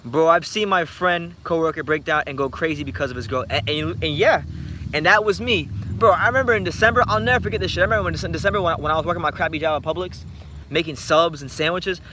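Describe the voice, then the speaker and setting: A man in his twenties hosting a boxing channel, chatting late at night and answering viewer comments in an animated, rambling way with many restarts. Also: fairly high pitch, quick pace, a little hiss or hum. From United States. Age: 20s. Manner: animated, rambling, frequent repeated starts. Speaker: YouTube boxing channel host.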